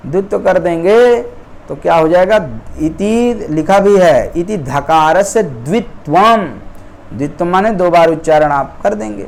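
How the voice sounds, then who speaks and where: A man's voice: sits high, gravelly. A man teaching Sanskrit grammar, explaining rules step by step and often checking that students follow. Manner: slow, deliberate, checks understanding often.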